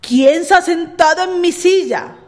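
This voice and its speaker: A woman voicing a big, gruff father bear in a storybook, exclaiming loudly. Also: a little slow. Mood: indignant. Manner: booming, loud exclamations.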